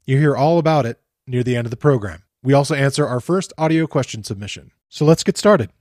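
A man hosts a podcast, reading his introduction and then asking questions in a steady, friendly way. His voice sits in the middle range, recorded dry and close. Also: mid-range voice, fast talker, no room sound. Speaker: podcast host.

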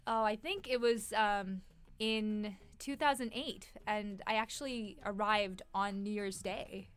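A woman's voice: medium pitch, takes it slowly, smooth. A woman co-hosting a language lesson, conversational and explanatory in her delivery. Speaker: Urdu lesson podcast host. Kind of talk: casual co-hosted language lesson.

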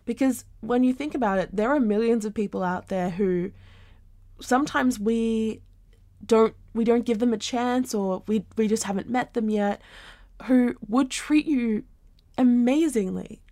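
A young woman hosting a podcast, speaking in a reflective, earnest way with drawn-out phrases. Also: fairly high pitch, mellow, no echo, studio quality. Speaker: podcast host. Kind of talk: casual podcast conversation.

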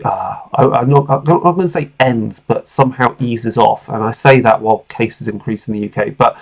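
A man of about forty chats as a podcast host. His voice sits at an average pitch with a frequent gravelly creak. He rambles informally and swears without fuss. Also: normal speed. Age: late 30s to 40s. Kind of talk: casual podcast chat.

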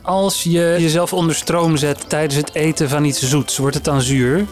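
A man hosts a light, casual conversation with a jokey streak. He keeps tossing out quirky questions. A music bed plays clearly underneath him. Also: on the high side, steady tone, normal speed. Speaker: host. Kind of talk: playful casual chat.

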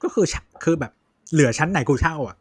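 A man's voice: on the high side, brisk, husky, no echo. A man co-hosting a podcast in casual chat, blunt and slangy. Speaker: podcast co-host.

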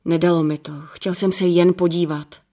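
A woman's voice: lowish voice, flat delivery, warm tone, close to an everyday voice. A woman reading the part of a stocky, apologetic village man in his sixties, explaining himself earnestly in an audiobook.

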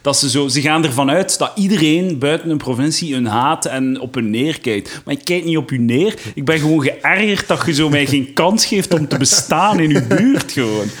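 A man in his twenties from Ghent with a Flemish accent, co-hosting a podcast in casual chat, blunt and ranting, quick to swear. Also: on the high side, slightly rough. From Ghent, Belgium. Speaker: podcast co-host.

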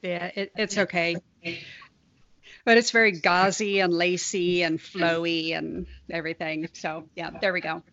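A middle-aged woman in a casual group chat, telling a rambling anecdote in a relaxed way. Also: on the low side, a little slow, no room sound. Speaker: podcast co-host, mother of a co-host. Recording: dry, dull lo-fi recording.

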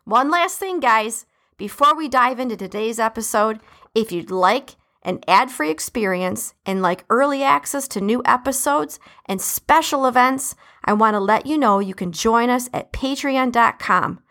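A middle-aged podcast host from Detroit talks solo in a casual, warm and emphatic style, laughing and giving shout-outs. She has a Detroit Midwest American accent and a fairly high, animated voice at normal speed.

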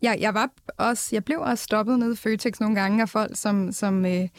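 A woman's voice: medium pitch, steady tone, no room sound, clean studio sound. A woman actress as an interview guest, candid and self-deprecating, laughing easily. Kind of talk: casual interview chat.

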